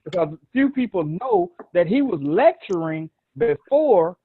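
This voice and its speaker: High-voiced Southern man hosting. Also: big pitch swings, a little slow, breathy edge, no room sound. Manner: chatty, rambling, laughs often. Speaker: talk show host. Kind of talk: live online talk show hosting. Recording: dry, tinny phone-like call audio.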